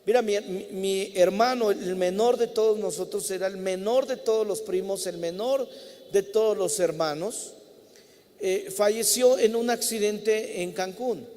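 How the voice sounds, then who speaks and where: Man, Mexican Spanish accent, pastor, sermon, high-pitched, storytelling with acted dialogue, reverberant church hall. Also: measured pace, a little hiss or hum. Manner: storytelling, acting out biblical dialogue with lively emphasis. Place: church sanctuary.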